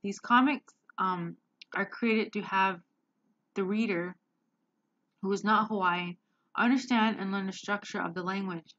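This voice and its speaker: A woman's voice: medium pitch, measured pace, pauses often, a bit bright. Hesitant woman giving a class presentation. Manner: hesitant, many ums. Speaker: student presenter. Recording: dull lo-fi sound.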